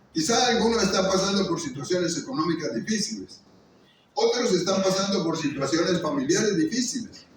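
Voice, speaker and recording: Earnest preacher in an echoey hall. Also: male voice, a little high, far from the mic. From Colombia. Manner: earnest, pleading, with slow emphatic pauses. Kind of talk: sermon. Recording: very echoey hall, voice off-mic, faint noise.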